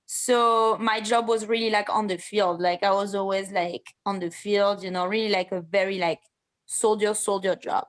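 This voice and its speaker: Woman, halting chat. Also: mid-range voice, fairly even intonation. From France. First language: French. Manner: hesitant, many fillers and restarts, blunt and swearing at times. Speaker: MMA fighter, interview guest. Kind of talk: casual interview conversation.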